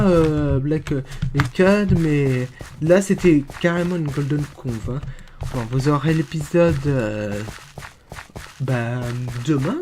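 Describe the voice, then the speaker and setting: A man's voice: on the high side, a little mellow, slight background noise. A young man casually reviewing a microphone, joking and rambling in a chatty way. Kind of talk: casual product review vlog.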